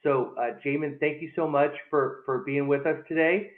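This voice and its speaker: A man hosting an interview, talking haltingly with many fillers and repeated words. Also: on the high side, fairly even intonation. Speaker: interview host. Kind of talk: casual interview. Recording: echoey, tinny phone-like line.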